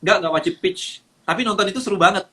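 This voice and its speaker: A high-pitched man from Indonesia coaches on a live stream. He talks with lots of energy, scattering English phrases and fillers through his points. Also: quick pace, pushed and bright. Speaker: business coach.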